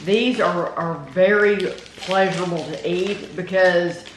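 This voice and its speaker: A man with a high-pitched voice talks through a casual taste test. He sounds like a food reviewer chatting at a table. The room is echoey, with some noise behind him. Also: fairly even intonation, unhurried. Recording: roomy echo with clear background noise.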